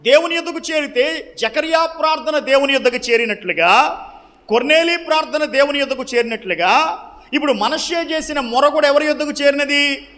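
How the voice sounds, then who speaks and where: A man with a very high, bright, forceful voice leads a question-and-answer Bible teaching. He quizzes the listeners, supplies the answers himself and repeats key phrases to drive them home. His voice rings out with the long reverb of a large hall. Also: brisk.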